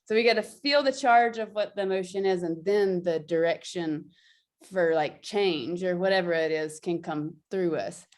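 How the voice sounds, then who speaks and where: A woman's voice: lowish voice, moderate pace, darkish tone. A woman explaining a movement practice in casual chat, talking loosely with frequent fillers and laughs. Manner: chatty, laughs often, many fillers. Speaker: guest teacher.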